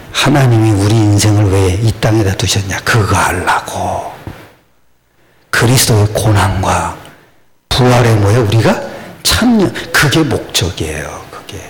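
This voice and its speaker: Gravelly older man preaching with lively swings. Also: a little hiss or hum, poor audio. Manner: lively, swings between loud rises and low murmurs, asks the congregation questions. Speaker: pastor. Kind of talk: sermon.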